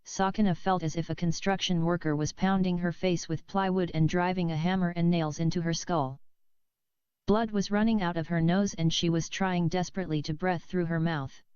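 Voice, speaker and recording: A woman reading a book chapter aloud as scripted audiobook narration, in a steady, measured delivery. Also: lowish voice, smooth, dry recording. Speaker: audiobook reader. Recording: dull lo-fi dry recording.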